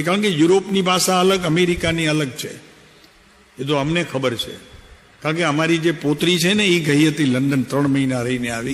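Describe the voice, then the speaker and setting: An older man, a spiritual teacher giving a conversational, anecdotal discourse and putting questions to his listeners. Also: a little high. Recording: long hall reverb.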